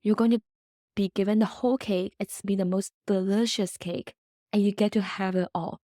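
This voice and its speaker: A gentle, all-knowing female spirit of the universe speaks softly and reassuringly, as a woman puts her on in a podcast monologue. Her voice sits at an ordinary pitch and is recorded dry, with no room around it. She sounds calm and motherly. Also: moderate pace, dry recording, natural voice. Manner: soft, soothing, reassuring.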